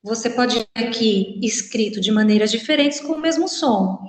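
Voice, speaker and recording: A woman's voice: fairly high pitch, expressive, moderate pace. A woman teaching a lecture with slides in a chatty, informal way, often checking in with her listeners and acting out quoted speech. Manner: chatty, frequent "né?" tags, acts out quoted speech. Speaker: teacher giving a presentation. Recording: echoey room with long reverb.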